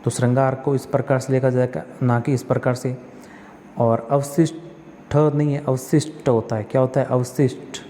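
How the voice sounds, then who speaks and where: A man with a dark, medium-pitched voice that barely moves in pitch talks at a normal speed, sounding like he's in a big room with slight background noise. As a tutor, he reads out exam practice questions, corrects spellings step by step, and answers his own questions.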